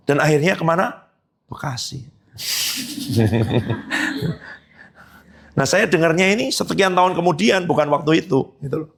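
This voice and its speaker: Gravelly pastor guy preaching, kinda high voice, chatty, punches up his points. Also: animated, measured pace, long pauses, a bit bright, slight background noise. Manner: conversational preaching with rising emphatic pitch and quoted dialogue. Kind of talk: sermon.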